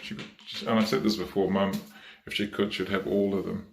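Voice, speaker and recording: A man giving a eulogy for his mother at a memorial service, talking slowly and haltingly with many pauses and fillers. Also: sits low, level tone, gravelly, echoey room, a little hiss or hum.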